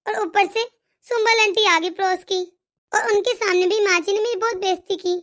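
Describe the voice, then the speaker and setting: A woman voicing a young daughter-in-law in an animated moral story, complaining and pleading. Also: very high voice, moderate pace. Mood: upset. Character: young wife, hurt and fed up.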